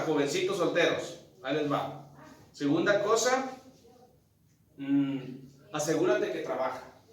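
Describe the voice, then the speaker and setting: A man preaching a sermon to his congregation in an animated, direct way, often asking them questions. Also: a little high. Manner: animated, addresses congregation directly, tells a joke story. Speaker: pastor. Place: large church hall. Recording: very echoey church hall, mic at a distance.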